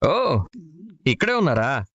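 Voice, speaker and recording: A man's voice: medium pitch, big pitch swings, takes it slowly, fairly bright tone, dry recording, lo-fi sound, full character voice. An actor playing a talkative, theatrical young man who speaks in grand, long-winded phrases. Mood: playful. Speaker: actor in a TV serial. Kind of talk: TV serial acting.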